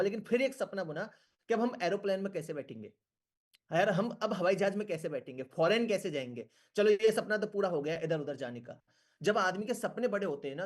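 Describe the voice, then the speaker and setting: A man giving an earnest motivational talk to an online meeting, coaxing his listeners and checking that they follow along. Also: sits high. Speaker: network marketing speaker.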